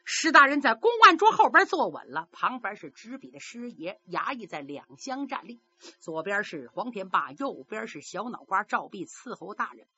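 A woman telling a traditional story in a lively, dramatic manner. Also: mid-range voice, moderate pace, husky, lo-fi sound. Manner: lively, dramatic narration with many voices.

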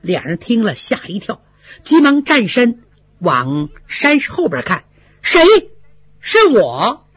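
A storyteller tells a classic novel in a lively, chatty manner, with pitch that rises and falls freely and asides thrown to the listeners. The voice is slightly husky and close, dry on a dull, lo-fi recording. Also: unhurried, no room sound.

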